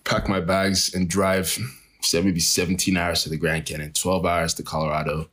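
Low husky guy chatting about his photo work, lively, restarts a lot. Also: moderate pace. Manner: animated, laughs often, restarts. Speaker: travel photographer. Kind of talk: casual interview chat.

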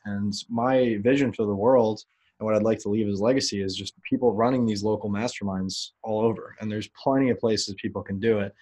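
A man speaking as a podcast guest, telling stories in a relaxed, animated way with plenty of fillers. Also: fairly low pitch, husky. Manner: relaxed, animated, loose with fillers and an occasional curse. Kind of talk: casual interview storytelling.

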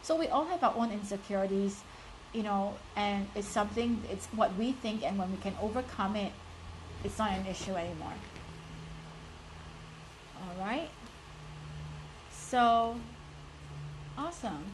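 Unhurried and pausing often, a woman in her thirties with a mid-range voice and a strong Singaporean accent gives a live motivational talk as a life coach. She speaks straight to her audience, direct and encouraging, with plenty of "like" and "you know." The recording is rough, with slight background noise.

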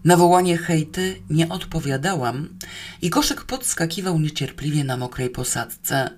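A woman's voice: low-pitched, expressive, normal speed, a little mellow. A woman reading a novel aloud in the first person, with a wry storytelling manner. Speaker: audiobook reader.

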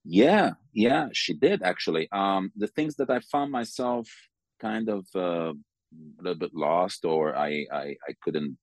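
Deep-voiced man with a Sudanese accent. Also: animated, no echo. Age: 40s. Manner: halting, careful, repeats words. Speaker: interview guest. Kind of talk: conversational interview.

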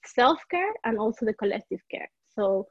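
Speaking at normal speed with lively intonation and a mid-range voice, a life coach from Puerto Rico guests on a podcast. She often hunts for words and restarts sentences, with soft laughs along the way; the lo-fi audio has no echo.

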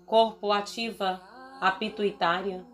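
A woman with a Brazilian Portuguese accent guides a meditation in a soothing, deliberate way, leaving long pauses between phrases. Her voice is medium-pitched and flat in delivery, with soft background music.

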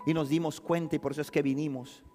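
A man's voice: fairly high pitch, fairly even intonation, fast talker. A man preaching a sermon, telling a story with dramatic storytelling and rising to fervent exhortation. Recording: hall reverb with faint music behind.

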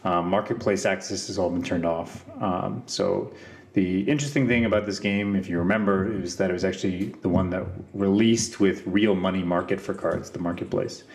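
A man's voice: deep voice, steady tone, moderate pace. A man co-hosting a show, explaining news updates and adding his own commentary. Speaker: podcast co-host reading news updates. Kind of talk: informal news rundown with commentary.

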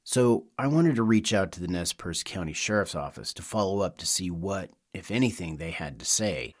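Low-voiced middle-aged man, podcast host. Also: lively intonation, moderate pace. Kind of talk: scripted narration and phone interviewing.

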